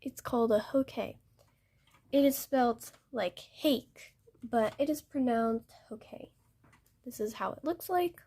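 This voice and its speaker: A young woman explaining paintbrushes in a painting tutorial, hesitant and halting, often correcting herself. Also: fairly high pitch, animated, mellow. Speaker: art tutor.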